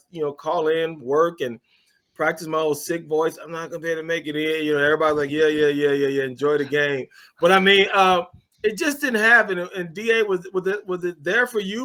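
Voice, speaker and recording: A man's voice: on the high side, a bit bright. A man hosting a casual sports talk show from a cafe studio, loose and joking as he steers the chat. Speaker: podcast host.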